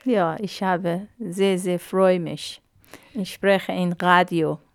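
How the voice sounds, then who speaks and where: A woman's voice: fairly low pitch, steady tone, no room sound, studio quality. A woman, in Arabic and Persian, speaking hesitantly in a radio interview, with many fillers. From Iran. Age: 50s. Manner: halting, hesitant learner's speech with many fillers. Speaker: interview guest.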